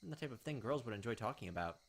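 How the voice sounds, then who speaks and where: A let's play host reads a visual novel out loud, tossing in casual, offhand remarks as the game narration goes. The voice is medium in pitch, expressive and very fast, with a gravelly, husky texture.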